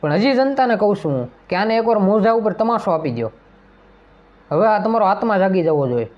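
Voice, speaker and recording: A man speaks in a high, strained register as he delivers a fiery political speech. He hammers his points with rhetorical questions and accusations. The recording sounds dull and lo-fi. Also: very animated, fairly quick. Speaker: political commentator. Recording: dull lo-fi audio.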